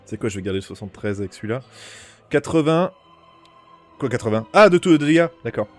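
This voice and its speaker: A man's voice: medium pitch, lively intonation, fast, faint music behind. A man narrating a tabletop role-playing game as game master, informal, feeling for his words and throwing in little sound-effect words.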